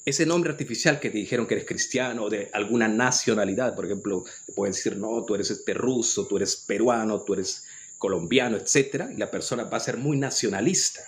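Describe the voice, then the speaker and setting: A man's voice: lowish voice, a little fast. A man with a Peruvian accent giving an earnest, lecturing spiritual monologue, often restarting his phrases. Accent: Peruvian Spanish. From Peru. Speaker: spiritual commentator.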